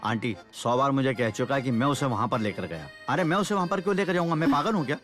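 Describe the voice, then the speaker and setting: A man's voice: medium pitch, expressive, quick pace, a bit bright, soft background music, natural voice. An actor in a dubbed TV serial playing a young village man who argues and denies blame. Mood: defensive. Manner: defensive, argumentative. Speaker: cousin.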